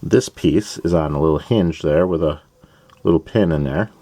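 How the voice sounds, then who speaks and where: A man with a mellow bass voice talks at a normal speed, hosting a toy-building channel and guiding viewers through a build one step at a time. He keeps it chatty and plain with playful asides, and the recording has no room sound.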